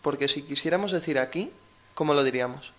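A man's voice: a little high, fast talker, fairly bright tone, muffled recording. A man with a Spain Spanish accent co-hosting a language lesson, explaining patiently with everyday examples. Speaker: language teacher co-host.

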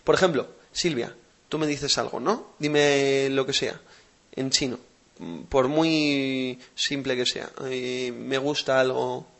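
A man hosting a language lesson podcast, explaining slowly and patiently and repeating words for practice. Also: mid-range voice, steady tone, fairly bright tone. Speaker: language teacher and podcast host.

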